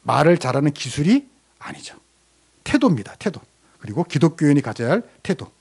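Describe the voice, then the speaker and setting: A man's voice: on the high side, big pitch swings, brisk, gravelly, darkish tone, husky. A male pastor preaching a sermon, quizzing the congregation with questions and answering them himself.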